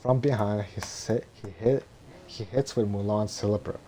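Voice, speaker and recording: A man reading a film script as narration in a monotone, droning way, halting and stumbling over words. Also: lowish voice, a little hiss or hum.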